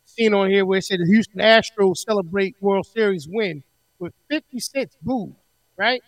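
A man co-hosting a casual podcast chat, rambling loosely, his voice muffled so that only the low, bass-heavy part comes through. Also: normal speed, no room sound. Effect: muffled, bass-heavy connection. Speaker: podcast co-host.

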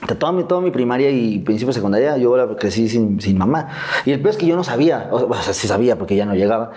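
A man's voice: medium pitch, expressive, quick pace, a little mellow. A young man with a Mexican Spanish accent, telling the story of his childhood as an interview guest in candid, slangy speech with casual swearing.

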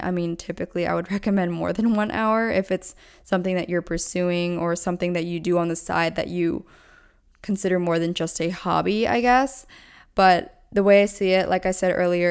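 A woman's voice: fairly low pitch, smooth. A young woman giving casual, upbeat advice in a tidy, conversational vlog style, often dropping in "like". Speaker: podcaster and blogger giving time management advice.

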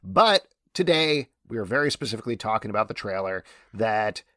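A man's voice: on the low side, very animated, a little fast, sharp tone, dry recording, clean studio sound. A man hosting a casual panel discussion, steering the talk and asking the others questions. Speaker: podcast host.

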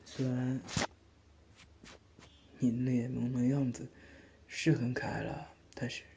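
A man's voice: mid-range voice, completely flat delivery, unhurried, a little hiss or hum, close to an everyday voice. A man playing a doting big brother, whispered role-play. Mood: soothing. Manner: soft, soothing, coaxing, lightly teasing. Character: gentle doting older brother, young adult. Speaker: older brother tending a sister's wound.

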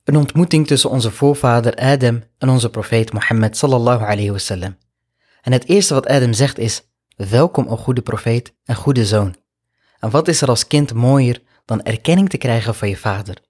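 A man with a slightly husky, breathy voice delivers a sermon as a story. He speaks in an earnest, reflective way and keeps a middle pitch, often adding Arabic honorifics as he goes. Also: moderate pace, a little mellow. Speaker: Islamic preacher.

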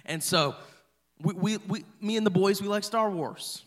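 A man's voice: high voice, moderate pace. Chatty, playful man preaching. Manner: chatty and playful, talks to the congregation. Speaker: pastor. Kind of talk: sermon storytelling. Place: church hall.

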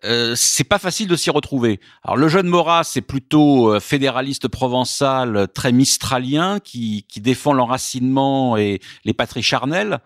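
Measured French-speaking man, dry sound. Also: medium pitch, no room sound. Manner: measured, explanatory, with frequent hesitations and repeated words. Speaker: guest author. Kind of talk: in-depth radio interview.

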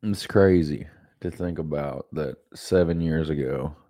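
A man with an extremely low, mellow voice hosts his own podcast, speaking a little slowly in a dry, studio-quality recording. Stuffed up with allergies, he chats casually in a solo monologue, rambling, often repeating himself, and laughing at his own expense.

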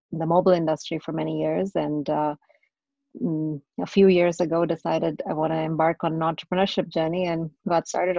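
A woman from India, a tech entrepreneur, answering interview questions in a measured, explanatory way. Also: deep voice, gravelly, darkish tone, no echo, dull audio.

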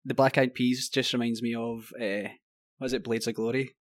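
A man's voice: mid-range voice, steady tone, normal speed, no echo. A young married man with a Scottish accent, co-hosting a casual podcast with dry, teasing asides. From Scotland. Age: young adult. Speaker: podcast co-host. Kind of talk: casual chat.

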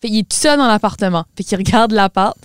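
Québécois woman podcast co-host, smooth clear voice, dry close sound, lively storyteller mixing in English. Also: mid-range voice, quick pace, no room sound. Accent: Québécois French. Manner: mixes English words into French, animated storyteller. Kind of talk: casual storytelling chat.

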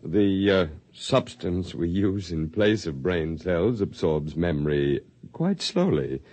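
An actor in a 1950s radio drama playing a smug, condescending bearded scientist with formal, smooth diction. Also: male voice, low voice, lively intonation, slow pace, darkish tone, dry recording, full character voice. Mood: patronizing. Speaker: head of the archive project.

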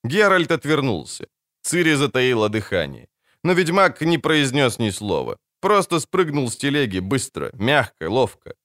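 A man narrating an audiobook in a measured storytelling manner. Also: medium pitch, very animated, a bit bright, no echo, clean studio sound. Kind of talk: scripted narration.

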